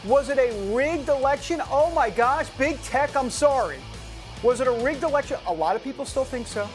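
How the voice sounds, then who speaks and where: A man's voice: very high voice, expressive, normal speed, faint music behind. A man hosting an opinionated political talk show in a punchy, teasing manner, repeating himself and asking rhetorical questions.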